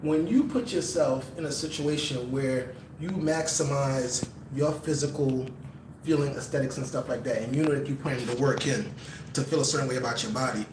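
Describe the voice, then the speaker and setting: A man's voice: mid-range voice, distant mic, background noise. Man explaining fitness in an echoey room. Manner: explanatory, uses fillers like kinda. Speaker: fitness explainer in podcast chat. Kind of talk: casual chat. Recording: echoey room, voice set back from the mic.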